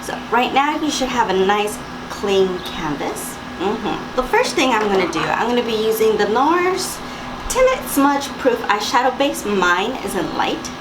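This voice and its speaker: A young woman with a raspy morning voice takes her time through a makeup tutorial at home, her fairly high pitch swinging widely. She addresses the camera chattily and instructively, full of fillers and asides, while loud hiss and air-conditioner hum run underneath.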